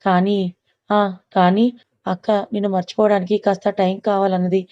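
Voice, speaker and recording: A woman's voice: mid-range voice, little pitch movement, normal speed, mellow, no echo, natural voice. A woman voicing a remorseful young woman, a younger sister, in a storybook. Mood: rueful. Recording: dull lo-fi recording.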